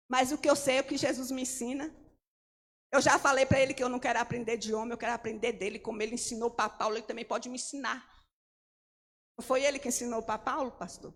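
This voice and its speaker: A middle-aged woman missionary giving an emphatic testimony sermon in church, often calling out to the congregation. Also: a little high. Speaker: missionary preacher. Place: church hall. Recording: long hall reverb.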